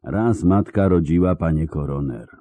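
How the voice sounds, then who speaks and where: A man voicing a calm, fatalistic male mercenary in an audiobook reading, soft-spoken and resigned. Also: low-pitched, moderate pace, no room sound, close to an everyday voice.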